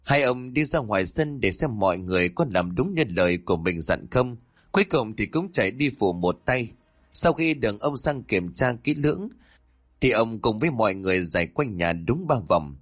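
A man narrating a ghost story with an animated reading manner. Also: lowish voice, moderate pace, no echo, studio quality.

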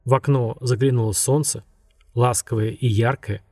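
A man with a husky voice narrating a story in a steady, measured way. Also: medium pitch, no room sound, clean studio sound. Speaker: audiobook narrator. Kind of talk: scripted narration.

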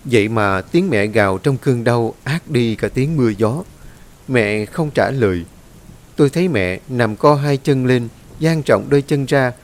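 A man's voice: mid-range voice, measured pace. Man narrating a ghost story expressively. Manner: dramatic, expressive reading. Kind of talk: scripted horror story narration.

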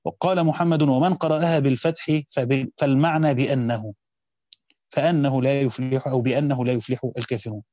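A man with an Egyptian accent reading a classical commentary aloud and explaining it as a teacher. He reads quickly and slows down to explain points of grammar. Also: medium pitch, fairly even intonation, mellow, no echo, clean studio sound.

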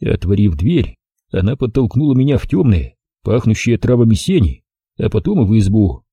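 A man narrating a detective novel as an audiobook in the first person, in a calm, wry manner. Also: fairly low pitch, normal speed, breathy edge, dry recording. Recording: dry close audiobook recording.

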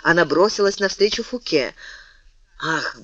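A man narrates a classic novel in a measured, expressive audiobook reading. His fairly high voice moves in a lively way. The recording is dry, dull and lo-fi. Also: no room sound. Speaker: audiobook reader.

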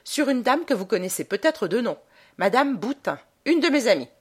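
A woman's voice: on the high side, sing-song, moderate pace, slightly rough, pitched above the performer's own voice. A woman playing an awkward, scheming husband who speaks in an embarrassed, coaxing way, in a storybook reading.

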